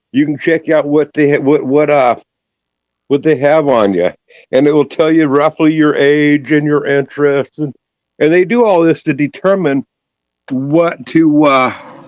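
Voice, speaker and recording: Guy rambling on a live stream from outside, dull dry phone sound, kinda high voice. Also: no room sound. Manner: rambling, halting with many restarts. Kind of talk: casual live stream chat. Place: outdoors behind a building.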